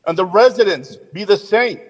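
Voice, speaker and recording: A man's voice: high-pitched, animated, moderate pace. A man giving a public comment at a city council meeting, indignant and firing off rhetorical questions. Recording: long hall reverb.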